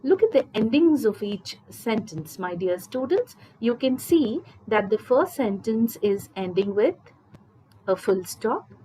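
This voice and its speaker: A woman teacher gives a grammar lesson at a slow, careful pace. She explains each point patiently and speaks directly to her students. A faint background hum sits under her voice. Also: fairly high pitch, very animated, dark tone, poor audio. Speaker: English teacher. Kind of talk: recorded school lesson.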